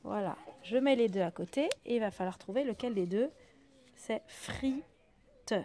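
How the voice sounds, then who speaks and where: A woman teaching a reading game, sounding out each letter slowly one by one in a step-by-step demonstration. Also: on the high side, warm tone.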